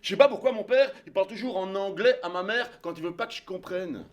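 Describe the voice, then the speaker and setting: High-voiced Belgian storyteller. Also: male voice, fast. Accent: Belgian French. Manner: hesitant, self-mocking, acts out all the voices. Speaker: comedian. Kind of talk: one-man show storytelling.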